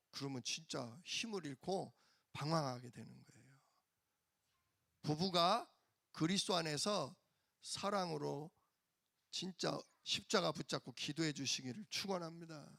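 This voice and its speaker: High gravelly preaching pastor. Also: male voice, fairly bright tone, no room sound, clean studio sound. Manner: emphatic, rhetorical questions to the congregation. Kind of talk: sermon. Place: church.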